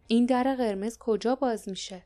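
A woman's voice: on the high side, warm tone, natural voice. A woman voicing a grown male warrior who talks bluntly and impatiently. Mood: urgent.

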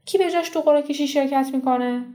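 A woman's voice: high-pitched, warm tone, voice pushed up, close to an everyday voice. A woman reading the part of a matter-of-fact male village official in an audiobook story. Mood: businesslike. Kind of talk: audiobook character voice.

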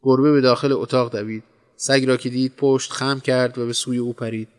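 A man reads a short story aloud with a wry, storytelling touch. His voice is mid-pitched and even, and he takes his time. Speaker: narrator. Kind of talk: storybook narration.

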